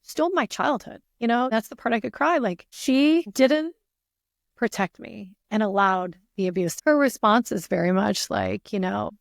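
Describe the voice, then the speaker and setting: A woman's voice: on the high side, moderate pace, creaky, no room sound, clean studio sound. A woman telling a personal story as a podcast guest, earnest and full of "you know" fillers.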